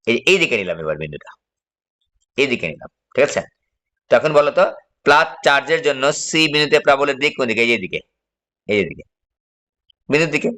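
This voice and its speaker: A male physics teacher, speaking at a middle pitch. He lectures step by step, checks in with his students and repeats each key phrase until it sinks in. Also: pushed and bright. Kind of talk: classroom lecture.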